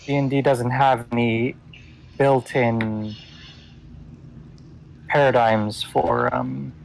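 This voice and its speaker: A man's voice: medium pitch, flat delivery, slow pace, gravelly, a little hiss or hum, poor audio. A man playing a tabletop game over a voice call, dry and sarcastic in his remarks. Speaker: player. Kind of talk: casual tabletop game chat.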